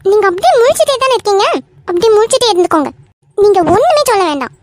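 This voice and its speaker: A woman voicing a quick-tempered young wife in an animated cartoon, with a Kanyakumari Tamil accent and a sharp, scolding manner. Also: very high voice, noisy background. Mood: angry.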